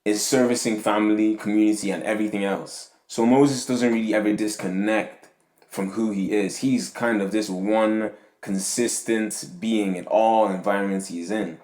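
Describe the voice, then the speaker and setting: Deep-voiced young man rambling in an echoey room. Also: fairly even intonation, moderate pace, darkish tone. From Nigeria. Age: young adult. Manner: rambling, tags lines with "yeah?" and "you know what I'm saying". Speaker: podcast host. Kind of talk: casual monologue on faith and community.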